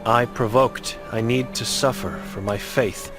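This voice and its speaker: A man's voice: medium pitch, unhurried, over music, natural voice. A man voicing an old blind mute woman in a game, grim and guilt-ridden, speaking in terse, broken phrases.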